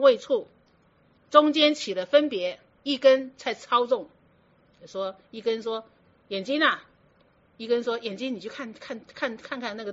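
Here a woman with a higher-pitched, fairly bright voice preaches Buddhist teachings and frequently poses rhetorical questions to those listening. It comes through a dull, lo-fi recording.

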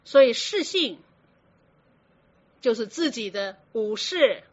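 Slow and sing-song, this fairly high female voice teaches a Buddhist sermon, peppering the audience with rhetorical questions. Audio quality is dull and lo-fi.

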